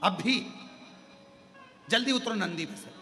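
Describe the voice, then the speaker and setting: A man's voice: high-pitched, expressive, a little slow, sharp tone, in a large hall, voice pushed up, full character voice. A man voicing an insistent, curious goddess wife who urges and coaxes. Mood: urgent. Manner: urgent, coaxing.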